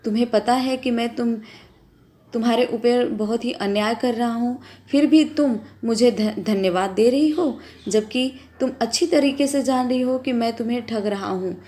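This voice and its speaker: A woman's voice: on the high side, normal speed, close to an everyday voice. A woman voicing an angry male employer who scolds and lectures his timid governess. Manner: shouting, trembling with anger.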